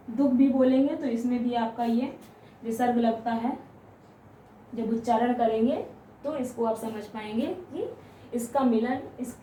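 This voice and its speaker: A woman teaching grammar, explaining step by step, asking questions and answering them herself, and stretching out example sounds slowly. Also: high-pitched, mellow, slight background noise. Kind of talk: classroom explanation. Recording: echoey room, voice from a distance.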